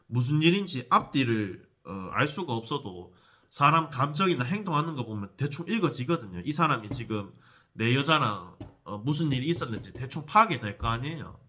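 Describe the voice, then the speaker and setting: Lively, bright-voiced man. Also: mid-range voice, brisk. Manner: heated, profane, addresses viewers directly. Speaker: vlogger telling a personal story. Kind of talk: animated storytelling vlog.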